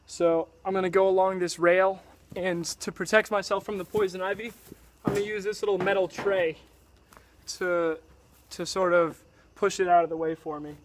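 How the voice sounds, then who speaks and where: Young male DIY vlogger, pitch a touch high, easygoing and rambling with restarts, recorded outdoors with faint insect noise. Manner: relaxed and chatty, with halting restarts. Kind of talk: casual self-filmed video diary. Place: outdoors at a rural building site.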